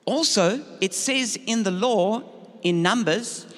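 Speaking slowly in a high-sitting voice, a male guest preacher tells a Bible story in short bursts so an interpreter can follow. He performs the figures' voices, and the church hall adds plenty of echo.

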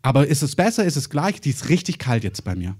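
A man's voice: mid-range voice, big pitch swings, quick pace, a little mellow. A man giving a charismatic sermon in an emphatic, conversational way, recorded by a distant mic in a hall. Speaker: preacher. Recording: echoey hall, distant mic, faint room noise.

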